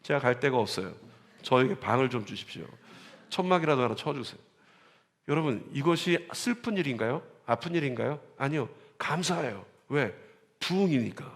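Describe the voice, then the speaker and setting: A man preaching a Sunday sermon as pastor, animated and calling on the congregation to repeat lines and read along. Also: medium pitch, brisk. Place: church sanctuary. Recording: church sanctuary with long reverb.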